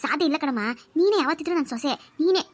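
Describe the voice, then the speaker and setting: A woman's voice: high-pitched, animated, rapid-fire. A woman voicing a domineering, scheming middle-aged aunt in a cartoon, bossy and conspiratorial. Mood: reassuring scheming. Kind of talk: cartoon voice acting.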